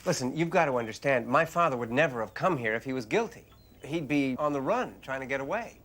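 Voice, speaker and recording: An actor playing an exasperated grown son with an American accent, earnest and put-upon, in a comic film. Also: male voice, mid-range voice, lively intonation, quick pace, fairly bright tone.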